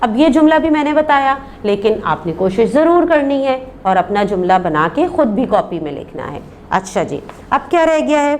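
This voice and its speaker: Her voice a little high and slightly mellow, a primary school Urdu teacher talks very animatedly with hardly a pause, while a little hiss or hum runs under the recorded remote lesson. She patiently repeats words for the class and supplies answers to the questions she asks.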